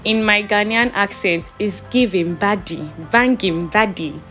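Unhurried and sharp-toned, a young Nigerian woman with a medium-pitched voice talks through her clothing haul as a vlogger, playful, chatty and self-amused. Faint music plays in the background.

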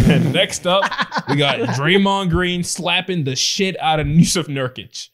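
A man's voice: fairly high pitch, takes it slowly, a bit bright. A man co-hosting a casual sports podcast, boisterous and profane, laughing often. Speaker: podcast co-host.

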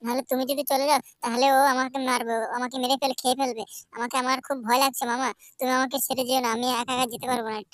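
A woman's voice: high-pitched, level tone, racing, no room sound, natural voice. A woman voicing a scared, whiny little boy who keeps pleading with his uncle and repeats his words. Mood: frightened pleading. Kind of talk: game play voice acting.

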